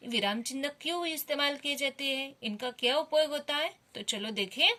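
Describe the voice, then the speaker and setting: A woman's voice: high voice, normal speed, sharp tone. A woman teaching a Hindi grammar lesson to children, explaining step by step and asking the class questions.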